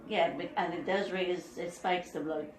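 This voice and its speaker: A middle-aged woman with a slightly low voice explains and argues firmly. She is caught on a hidden wire in an echoey room. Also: steady tone, moderate pace, a crowd in the background. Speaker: mother of the patient. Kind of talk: heated discussion. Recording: hidden-wire recording, echoey, faint noise.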